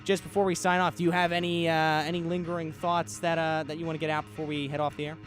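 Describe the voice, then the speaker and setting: A man hosting a casual sports radio show from a studio, telling listeners to calm down in an easygoing way. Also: a little high, quick pace, faint music behind. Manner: laid-back, urging everyone to calm down. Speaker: radio sports talk host. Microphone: studio microphone.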